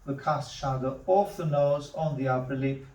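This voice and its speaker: A man demonstrating charcoal drawing, talking slowly to himself as he works and repeating words under his breath. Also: medium pitch, a little mellow. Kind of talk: thinking-aloud drawing demonstration. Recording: roomy, mic at a distance.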